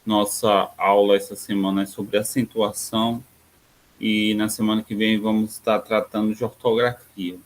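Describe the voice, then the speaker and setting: A Brazilian man giving a recorded grammar lesson, pausing often on fillers and spelling out example words slowly. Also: fairly low pitch, flat delivery. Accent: Brazilian Portuguese. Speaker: teacher.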